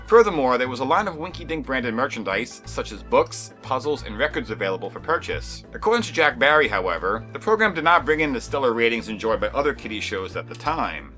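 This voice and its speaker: A man's voice: medium pitch, big pitch swings, fairly quick, hardly any pauses, pushed and bright. A man reading scripted retrospective narration in a formal, emphatic manner with a wry edge. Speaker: documentary narrator. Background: faint music.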